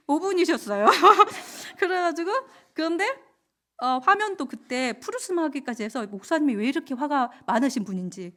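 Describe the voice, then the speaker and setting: A young woman, a junior pastor, giving a soft, humble Wednesday evening sermon in a church, with gentle self-deprecating humor. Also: mid-range voice. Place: church sanctuary.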